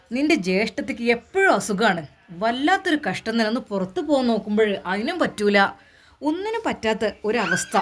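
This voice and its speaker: A woman with a Malappuram accent voicing an irritable husband who complains with scornful sighs about his sick wife, in a spoken story. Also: on the high side. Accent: Malappuram Malayalam.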